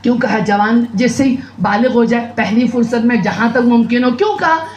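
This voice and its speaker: High-voiced woman preaching in an echoey hall. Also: a little mellow. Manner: rhetorical questions, emphatic, repetitive. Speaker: religious preacher. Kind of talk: majlis sermon to women. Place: religious gathering in Qom. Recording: echoey hall with faint noise.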